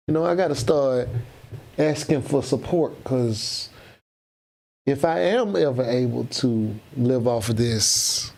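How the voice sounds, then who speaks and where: Livestream host, man from Florida, relaxed and slangy, slightly high voice, talks straight to viewers. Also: vocal fry. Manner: laid-back, slangy, reads out chat comments. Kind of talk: casual live stream chat with viewers.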